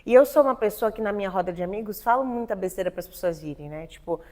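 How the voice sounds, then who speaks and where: A woman's voice: medium pitch, quick pace, mellow. A young adult woman with a Brazilian Portuguese accent, co-hosting a podcast in a frank, emphatic casual chat. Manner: frank, emphatic, talks in long stretches. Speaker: podcast co-host.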